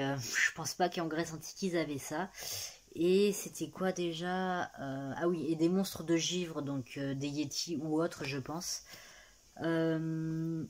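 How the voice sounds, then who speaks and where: A young woman chatting casually about a book series she is reading, with lots of fillers and restarts. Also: low voice. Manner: rambling, many fillers and restarts, laughs often. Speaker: booktuber. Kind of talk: casual reading vlog chat.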